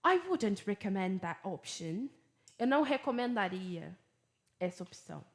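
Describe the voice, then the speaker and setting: A woman teaching English in a relaxed, chatty lesson, mixing explanations with English examples. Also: mid-range voice, measured pace. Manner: chatty, switches between Portuguese and English examples. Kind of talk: casual bilingual lesson.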